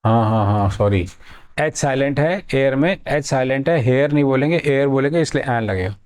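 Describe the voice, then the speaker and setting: A man teaching a grammar lesson for exam preparation, explaining slowly, repeating words and acting out his students' questions. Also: medium pitch, a little mellow, smooth. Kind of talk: exam-prep grammar lecture.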